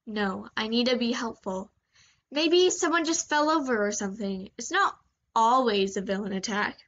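A woman's voice: a little high, normal speed, fairly bright tone, dull audio. A woman voicing a nervous young bystander who stammers with a shaky voice.

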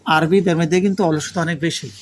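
A man's voice: on the high side, fairly even intonation, quick pace, slight background noise. A man from Pakistan with a Pakistani accent and native Urdu, teaching interactively in a foreign learner's Bengali mixed with Urdu, repeating and prompting with questions. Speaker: Arabic grammar teacher. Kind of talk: interactive lesson, explaining and quizzing students.

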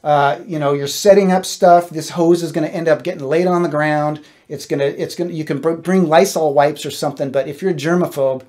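A middle-aged American gigging guitarist gives casual, wry, self-deprecating tips to camera in a small home studio, speaking close to a stand-mounted dynamic mic. His voice runs a bit high and darkish, steady in tone, a little fast, with hardly any pauses.

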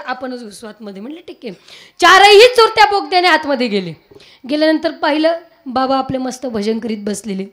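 A woman's voice: high voice, a bit bright. A woman kirtan preacher with a Marathi accent. She tells a devotional story, asks her listeners questions and breaks into sung verses. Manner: asks the audience questions, shifts between speech and sung verses.

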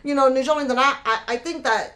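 Slightly high-voiced woman on a talk panel. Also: pushed and bright. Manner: switches quickly between English and another language. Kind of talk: casual panel discussion.

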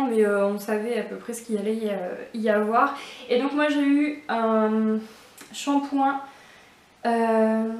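A woman's voice: on the high side, darkish tone, recorded from a distance. Chatty woman in an echoey room. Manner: chatty, hesitant with many fillers. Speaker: beauty box vlogger. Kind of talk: casual unboxing chat. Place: indoors at home.

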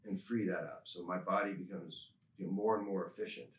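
In his fifties, this chiropractor speaks low-pitched and brisk during a reflective interview, calm and earnest, repeating phrases to stress them. The office holds a desk and a skeleton model, and a desk microphone on a stand, placed a bit far off, gives roomy office sound.

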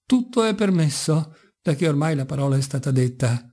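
A man's voice: a little high, expressive, normal speed, dark tone, breathy edge. A man reading as mocking brooding young Ivan. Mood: ironic. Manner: ironic, bitter, sometimes passionate.

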